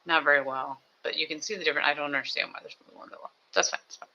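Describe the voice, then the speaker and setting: Bright-voiced chatty home streamer. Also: medium pitch, fairly even intonation, rapid-fire, highs cut off, a little hiss or hum. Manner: chatty, thinks aloud, self-mocking asides. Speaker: live streamer building toy sets. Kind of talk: casual rambling chat while building. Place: home desk with two computers.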